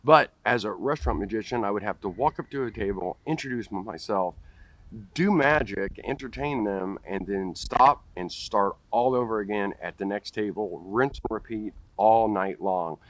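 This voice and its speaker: In a dry, low-quality recording, a park vlogger in his forties speaks right to a camera held close at face level. His fairly low voice has a fairly bright tone and normal speed, and his stutter makes him repeat first sounds and restart words.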